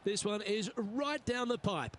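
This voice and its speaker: Guy doing golf commentary, kinda high voice, measured short lines, noisy outdoor crowd in back. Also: lively intonation, a bit bright. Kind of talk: live golf play-by-play commentary.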